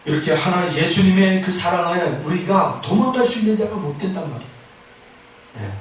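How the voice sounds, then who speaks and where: A man pastor preaching a sermon, swinging between loud impassioned passages and soft quiet asides. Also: high-pitched, expressive, brisk, a little hiss or hum. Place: church sanctuary. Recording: echoey church from far off.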